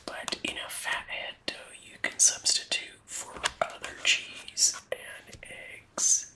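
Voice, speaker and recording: Slow whispered role-play by a woman librarian. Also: sharp tone. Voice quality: breathy, unvoiced whisper. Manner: slow, unhurried, with gaps between short phrases. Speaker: ASMR host playing a librarian at a book fair.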